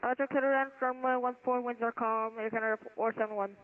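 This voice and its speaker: A pilot on a cockpit headset radio, reading back clearances and making emergency calls in clipped, procedural phrasing with occasional hesitant fillers. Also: mid-range voice, fairly even intonation, a little fast. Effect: pilot talking over a cockpit headset radio. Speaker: pilot on a flight simulation network. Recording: tinny radio line with faint music behind.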